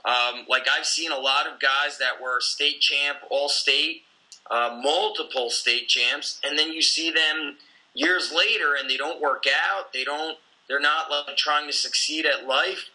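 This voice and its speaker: A man's voice: a little high, fairly even intonation, unhurried, bright, forceful tone, low-quality recording. A man in his forties, a gym owner and coach, talking bluntly and intensely in a casual conversation, swearing freely.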